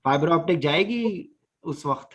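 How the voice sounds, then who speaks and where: A man's voice: a little high, expressive, normal speed, muffled recording. Man teaching anesthesia, quizzing students. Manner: questions students, mixes English terms into Urdu. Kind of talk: interactive online lesson.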